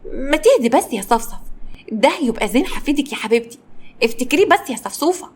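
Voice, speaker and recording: A woman voicing an exasperated young woman who pleads and tries to calm things, with an Egyptian accent. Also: sits high, fast.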